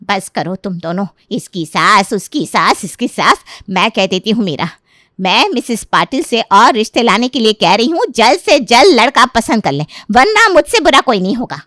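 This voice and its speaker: A woman voicing an anxious middle-aged mother who nags and shouts at her daughter in a cartoon story. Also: mid-range voice, animated, moderate pace, no echo, clean studio sound. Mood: angry scolding. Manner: loud, shouting, nagging. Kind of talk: cartoon voice acting.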